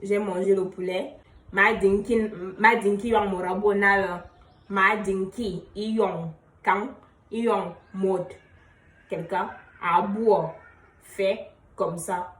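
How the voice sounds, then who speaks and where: A woman's voice: mid-range voice, steady tone. Woman teaching patiently in an echoey room. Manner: explains patiently, repeats example phrases slowly, trails off quietly at ends of phrases. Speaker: language teacher. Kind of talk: casual spoken lesson. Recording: roomy echo, voice a bit far from the mic.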